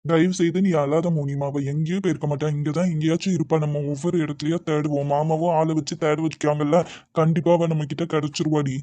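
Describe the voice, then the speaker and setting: A man voicing a gentle young husband and son in a family cartoon, earnest and calming. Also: a little high, quick pace, dry recording, lightly acted. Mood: soothing. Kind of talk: cartoon voice acting.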